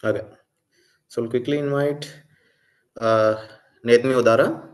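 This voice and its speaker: A man moderating an online academic conference, speaking in a halting way with small corrections. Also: mid-range voice, fairly even intonation. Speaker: academic session chair. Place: online video call.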